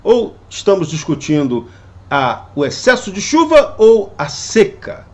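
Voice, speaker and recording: A man's voice: sits high, very animated, unhurried, muffled recording. A man delivering a scripted opinion commentary, indignant and full of rhetorical questions. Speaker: political commentator.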